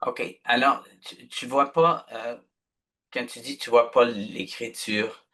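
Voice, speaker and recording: A man's voice: mid-range voice, steady tone, takes it slowly, sharp tone. A man teaching a live online workshop, patient and chatty, checking in often with his class. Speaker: instructor.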